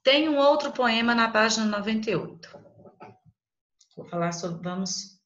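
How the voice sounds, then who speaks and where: A Brazilian woman teaching a literature class online, counting out poetic syllables slowly and deliberately. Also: a little high, expressive, fairly bright tone. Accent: Brazilian Portuguese. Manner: slow, syllable-by-syllable scansion. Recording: dull, roomy sound.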